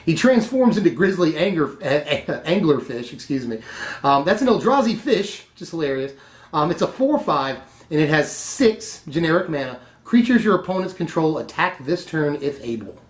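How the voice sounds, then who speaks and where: A man with a fairly high voice chats casually through a card-spoiler review and laughs at himself often. The room around him rings with echo. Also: big pitch swings, moderate pace. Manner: chatty, laughs often, self-correcting. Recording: echoey room.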